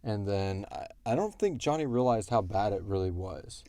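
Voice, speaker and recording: Here the podcast's creator and host sounds low-ish and mellow, speaking animatedly at normal speed in studio-quality audio with no echo. The casual Q&A discussion stays informal, jokey, and full of slang.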